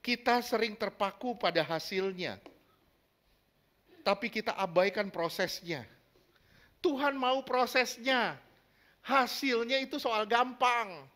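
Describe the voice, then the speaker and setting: A man preaches with a high voice, stressing his points and checking with his listeners. He acts out small scenes as examples. His tone is bright and forward. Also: slow pace, pauses often. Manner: emphatic, asks the congregation questions, acts out little scenes. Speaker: pastor. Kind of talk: sermon.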